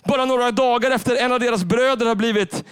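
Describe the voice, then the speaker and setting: High-voiced pastor preaching. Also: male voice, smooth, dry recording. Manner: animated, repeats phrases, speaks straight to the congregation. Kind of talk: sermon.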